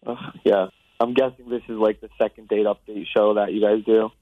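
A man's low voice comes through a phone speaker, thin and tinny like a narrow phone line. He sounds hesitant and guarded, filling gaps with "um" and "uh." He answers carefully and holds back. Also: little pitch movement, brisk, no echo. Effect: heard over a phone speaker. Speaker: radio show call recipient.

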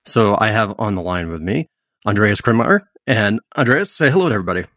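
A man hosting a beer podcast, reading the intro and sponsor spots and chatting with quick, upbeat asides. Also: lowish voice, animated, a bit bright, no echo, studio quality. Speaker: podcast host. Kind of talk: casual podcast hosting and read ads.

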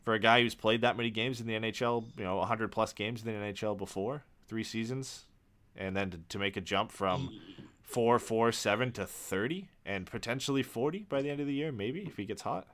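A man's voice: on the low side, fairly quick, fairly bright tone. A man co-hosting a sports podcast, casually chatting and rattling off player statistics. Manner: rattles off stats, loose and chatty. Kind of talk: casual chat.

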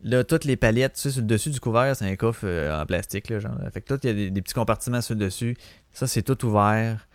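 A man's voice: lowish voice, quick pace, dry recording, clean studio sound. Rambling Quebec French man. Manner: rambling, slangy, swears freely. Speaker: podcast host. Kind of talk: casual storytelling monologue.

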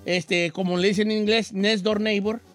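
A man's voice: sits high, flat delivery, normal speed, dry recording, soft background music, close to an everyday voice. A man voicing a cheeky, boastful old Mexican rancher who hosts a comic radio talk show, with a Mexican accent and slangy teasing banter. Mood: joking.

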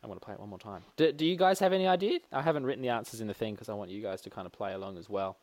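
A man co-hosting a casual gaming podcast, playful and animated, often laughing. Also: lowish voice, rapid-fire, no room sound. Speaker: podcast co-host.

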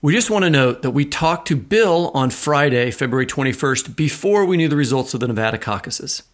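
An American man co-hosts a podcast, shifting between scripted introductions and conversational talk. His mid-range voice is animated and fairly quick.

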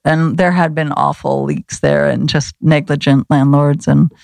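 Woman guest, gravelly edge, loose rambling chat, dry close sound. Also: low voice, steady tone, a little slow, a little mellow, no room sound. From Los Angeles. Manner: rambling, many fillers and restarts. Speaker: guest, flower remedy practitioner. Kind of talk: casual conversation.

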